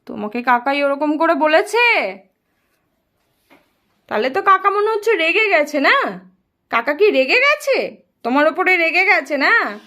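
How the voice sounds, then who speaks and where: A young woman with a Bengali accent filming her small son for a family vlog, coaxing him in a playful sing-song and dropping to hushed asides. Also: sits high, sing-song, unhurried, pauses often. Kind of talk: casual family vlog narration and talk to a child.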